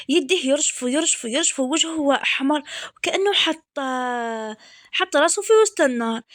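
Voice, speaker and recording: A woman with an Algerian Arabic accent narrating a first-person story in a soft, intimate way. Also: high-pitched, no echo, clean studio sound.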